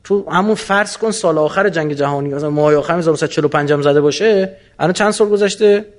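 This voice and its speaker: A man answering audience questions in a colloquial lecture, animated and full of rhetorical questions. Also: fairly high pitch.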